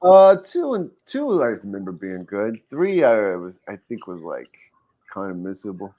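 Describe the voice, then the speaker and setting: A laid-back podcast co-host, a man with a mid-pitched voice that moves a lot. His talk is easy and teasing. The sound is a little dull and lo-fi. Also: wildly swooping pitch, moderate pace. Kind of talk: casual chat.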